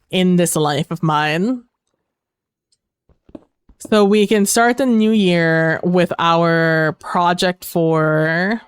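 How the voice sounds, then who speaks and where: A woman chats casually on a gaming stream through a headset mic, rambling with lots of fillers. Her smooth, resonant, lowish voice is fading as she loses it, and the sound is dry and close with no room sound.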